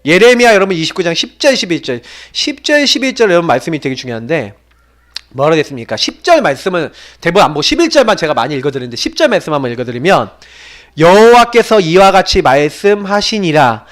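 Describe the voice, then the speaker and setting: A man's voice: fairly high pitch, very fast. A man preaching a sermon as pastor, telling the story with emphasis and asking the congregation rhetorical questions. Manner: animated storytelling delivery.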